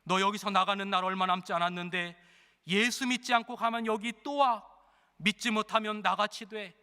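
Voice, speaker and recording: A male pastor voicing a gruff death-row prisoner who bosses other inmates about faith, in a rough scolding manner. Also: high-pitched, normal speed, pushed and bright, long reverb tail.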